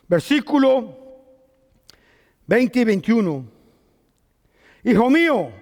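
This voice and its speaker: A male pastor preaches a lively sermon, his voice sitting very high. He peppers the congregation with rhetorical questions and jokes. The sound carries a long hall reverb.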